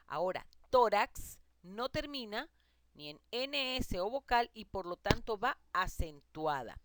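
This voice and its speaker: A woman's voice: mid-range voice, dry recording. A woman teacher giving a recorded grammar lesson, explaining rules patiently and listing examples one by one.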